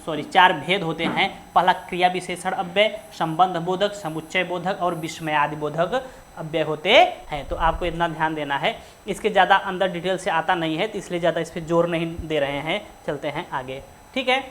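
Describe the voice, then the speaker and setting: A woman teaching a Hindi grammar lesson for an exam, who keeps asking rhetorical questions and answering them herself, sometimes slowing to stress words one at a time. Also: lowish voice, a little hiss or hum.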